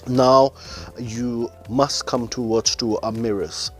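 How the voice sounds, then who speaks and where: A man's voice: medium pitch, fairly even intonation, slow, soft background music. A man speaking as a driving instructor, giving methodical, formal step-by-step instructions to learner drivers in non-native English phrasing.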